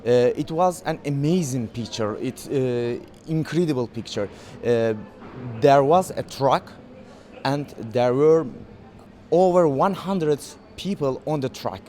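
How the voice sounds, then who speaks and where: A man with a Turkish accent speaks English as a second language in an outdoor festival interview. His voice sits at a middling pitch, and he talks haltingly, with frequent "uh"s and restarts as he looks for words. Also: a little mellow. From Turkey. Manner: hesitant non-native English, many fillers and restarts. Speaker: documentary filmmaker.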